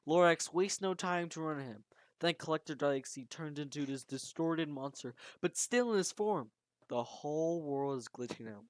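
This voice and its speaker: A storyteller casually retelling a fan-made horror tale, dramatic and animated, often restarting mid-sentence. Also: mid-range voice, dry recording.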